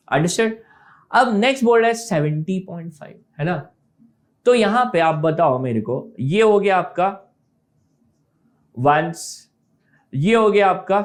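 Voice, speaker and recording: A male maths teacher with a high-sitting voice gives an online class, working through problems step by step. He mixes English terms into his Hindi and keeps asking whether the students have understood.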